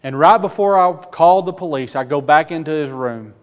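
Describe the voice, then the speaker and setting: A man preaching a sermon, earnest and emotional, with slow emphatic phrasing. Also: fairly high pitch, big-room sound.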